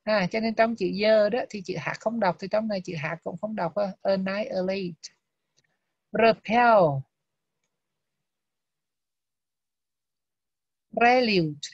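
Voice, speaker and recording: A woman leads a lesson on a Buddhist text, spelling out English terms and repeating them slowly and deliberately. Her voice sits at a middle pitch. The recording is muffled and lo-fi, with a dry sound and no room echo. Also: darkish tone, husky. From Vietnam. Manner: slow, deliberate word-by-word pronunciation drills. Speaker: Abhidhamma teacher.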